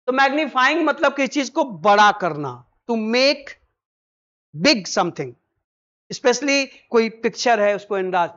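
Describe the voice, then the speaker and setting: A male teacher explaining vocabulary for an exam, mixing Hindi with slow English phrases and firing quick questions at his students. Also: high voice, a bit bright, muffled recording. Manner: quizzes listeners with quick rhetorical questions.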